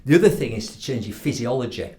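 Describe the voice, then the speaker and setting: A man's voice: mid-range voice, quick pace. A man with a broad Yorkshire accent talks into a studio podcast microphone. He tells stories as a guest, slipping into quoted voices and often asking "right?" to keep the listener with him. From Yorkshire, England. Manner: animated storytelling with acted quotes, frequent "right?". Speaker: professional public speaker, guest. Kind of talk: casual interview chat.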